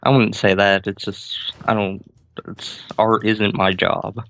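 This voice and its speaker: A man's voice: on the low side, level tone, slow pace, fairly bright tone. A man answering interview questions hesitantly as a stream guest.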